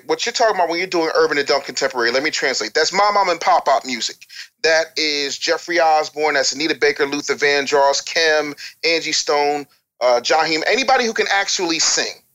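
Speaking as an interview guest, an American ex-radio DJ and record maker is candid and conversational, blunt, emphatic and streetwise. His voice sits on the high side, expressive and slightly fast, with a sharp tone.

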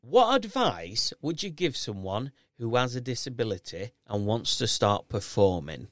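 A man's voice: medium pitch, sing-song, a little slow, dry recording, studio quality. A man with a thick Yorkshire accent hosting a casual podcast in a chatty, encouraging, matey way. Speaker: podcast host and quizmaster.

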